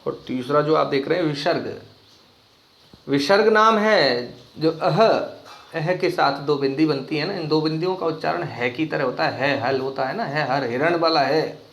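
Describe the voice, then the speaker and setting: Male teacher, slightly high gravelly voice, patient question-and-repeat classroom delivery, echoey room. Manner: asks pupils questions and repeats key words slowly. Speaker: Hindi teacher. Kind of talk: classroom grammar lesson.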